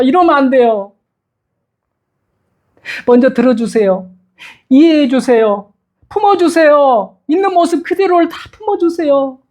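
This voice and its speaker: A man's voice: very high voice, darkish tone. A male pastor preaching a sermon with passion, repeating his points for emphasis and acting out other people's words. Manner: impassioned, with emphatic repetition; acts out quoted speech of others. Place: church.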